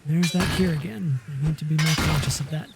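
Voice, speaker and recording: A man's voice: fairly high pitch, fairly even intonation, brisk, gravelly. A man streaming a game, chatting casually and correcting himself as he goes. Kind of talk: casual gaming chat. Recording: noisy game audio.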